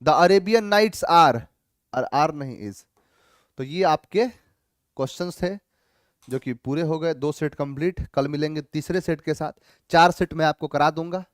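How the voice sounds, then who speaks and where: A man teaching an English grammar class, reading each sentence slowly and then explaining it in a mix of two languages, sometimes calling students "babu". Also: on the high side, no echo, studio quality. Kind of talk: online class going over grammar answers.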